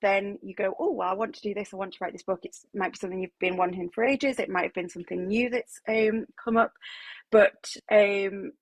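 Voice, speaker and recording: Chatty woman with a gravelly edge. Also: mid-range voice, fairly even intonation, a little fast, dry recording, low-quality recording. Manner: chatty, many fillers and restarts. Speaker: author and writing coach. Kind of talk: live online talk to a writing group.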